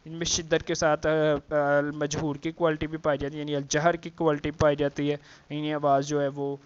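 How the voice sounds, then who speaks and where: A man teaching Quran letter pronunciation, explaining slowly with many fillers and repeating the letter sounds to demonstrate. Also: a little high, little pitch movement, clean tone, muffled recording. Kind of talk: tajweed lesson with demonstrations.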